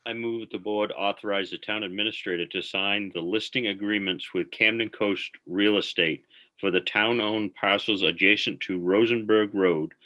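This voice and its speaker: A man with a slightly low but bright, firm-edged voice reads a formal motion as a board member. The recording is a bit dull and muffled. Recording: dull, muffled meeting audio.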